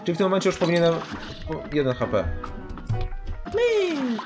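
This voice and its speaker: A man's voice: on the high side, animated, very fast. A young Polish man commentating his own gameplay at home, frustrated, swearing and talking to himself. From Poland. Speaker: gaming YouTuber. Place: room at home. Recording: background game music.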